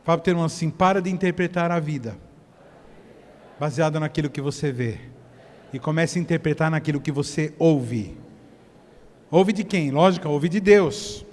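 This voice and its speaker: High-voiced Brazilian pastor preaching passionately. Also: male voice, normal speed, long pauses, long reverb tail. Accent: Brazilian Portuguese. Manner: impassioned preaching, swinging from hushed to loud, directing the congregation. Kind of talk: sermon. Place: church service.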